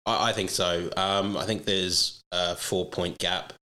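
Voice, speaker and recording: A man's voice: low-pitched, flat delivery, unhurried, bright, forceful tone. An Australian man, a podcast guest giving casual sports analysis in conversation.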